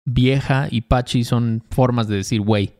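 A man with a Veracruz Mexican Spanish accent co-hosts a podcast lesson, talking at an everyday pitch. He explains local expressions in a relaxed way, dropping in English glosses and checking in with tag questions. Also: measured pace. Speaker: podcast co-host. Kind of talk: casual conversational language lesson.

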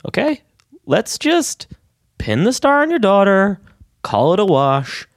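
A man's voice: sits high, huge pitch swings, takes it slowly, no room sound, clean studio sound, voice pushed up, full character voice. A man improvising a prim, evasive daycare manager who turns flustered and defensive. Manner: flustered, defensive, falsely polite. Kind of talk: improv sketch.

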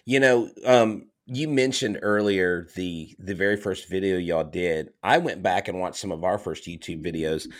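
A man's voice: sits low, moderate pace, few pauses. A man hosting a casual sports podcast interview, talking enthusiastically in long, rambling turns with frequent fillers. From Florida. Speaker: podcast host.

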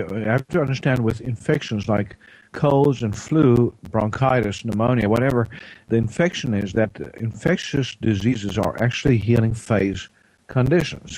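A man's voice: fairly low pitch, a little mellow, dry recording, low-quality recording. Man hosting a rambling radio health talk. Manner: rambling, many fillers and restarts; frequent throat clearing. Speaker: radio show host. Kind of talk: casual health talk on air. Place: radio studio.

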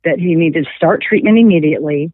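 A woman's voice: deep voice, quick pace, no room sound. Middle-aged woman telling a story by phone. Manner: animated, acts out quoted dialogue. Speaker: guest. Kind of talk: casual storytelling over the phone. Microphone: telephone. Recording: tinny phone line.

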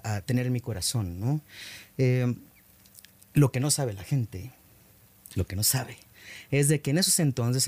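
A man's voice: mid-range voice, darkish tone, no room sound. A middle-aged man, a guest who answers modestly and with many fillers. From Mexico. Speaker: guest, former athlete. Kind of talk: conversational interview answers.

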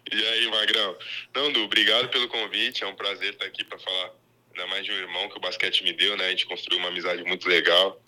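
A man's voice: deep voice, fairly even intonation, quick pace, sharp tone, low-quality recording. A man calling in over a phone on speakerphone, chatting in a friendly way and telling stories with lots of fillers. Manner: friendly, storytelling with many fillers. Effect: heard over a phone on speakerphone. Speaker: phone-in guest, former teammate. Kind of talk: casual chat.

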